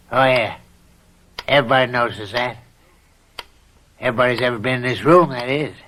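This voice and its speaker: An actor playing a callous, lecherous older uncle in a radio drama, mocking, folksy and blunt in manner. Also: male voice, medium pitch, normal speed, pushed and bright, natural voice. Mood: boastful, sly. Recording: old radio recording with faint noise.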